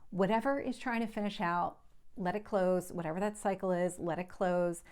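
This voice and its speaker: A woman with a low-ish, slightly mellow voice and a slight lisp speaks at normal speed, giving a conversational tarot reading to her channel's viewers. She's reassuring and repeats points often.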